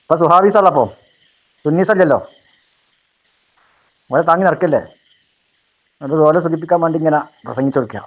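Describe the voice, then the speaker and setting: Man, heated rebuttal, taunting rhetorical questions, high-ish voice, dull lo-fi sound. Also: brisk, pauses often. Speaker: religious speaker answering a rival. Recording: dull lo-fi recording.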